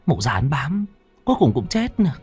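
A man voicing a greedy, sharp-tongued young wife in a ghost story, in a shrill, scornful voice. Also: sing-song, a little fast, soft background music, heavily acted. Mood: cold scorn. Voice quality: shrill, piercing. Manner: scornful and cold.

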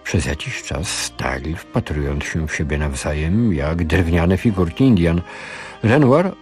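A man reading a story aloud on the radio in an unhurried, expressive way. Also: sits low, soft background music. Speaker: radio reader. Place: radio studio.

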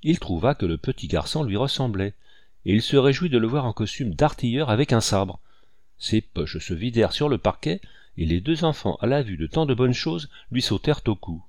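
A man reading a classic novel aloud in measured, clear storytelling. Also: mid-range voice, very animated, a little mellow, no echo, clean studio sound. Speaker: audiobook narrator. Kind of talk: scripted narration of a classic novel.

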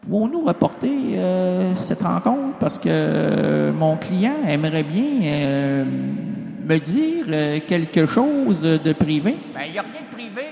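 A radio host with a Quebec French accent rambles and stammers playfully through a comic mock trial, and his voice sits high. The recording has a roomy echo and a long, lingering reverb. Faint room ambience can be heard behind him. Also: animated, takes it slowly, gravelly, dark tone, a little hiss or hum. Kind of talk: comic mock courtroom sketch.

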